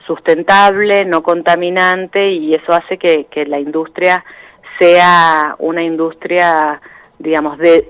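A woman, a guest explaining things in a radio interview, pausing with fillers. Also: deep voice, clear, resonant tone, no echo. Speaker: guest, communications coordinator.

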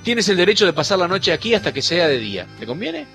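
A man's voice: sits high, big pitch swings, fast, creaky, pushed and bright, pitched above the performer's own voice, heavily acted. A man voicing a sly, mocking female snake in a storybook reading, teasing and sneering at her prey. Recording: faint music behind.

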